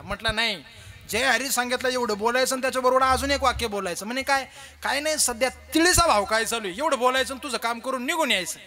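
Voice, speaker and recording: High, bright-voiced Marathi kirtan preacher. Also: male voice. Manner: animated, acts out characters' voices, jokes with audience. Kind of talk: kirtan sermon with storytelling.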